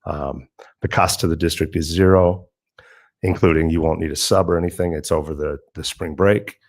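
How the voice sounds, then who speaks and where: A man with a low voice speaks as a band director addressing a board. He is informal and folksy, feeling his way through his phrases. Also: steady tone, normal speed, darkish tone.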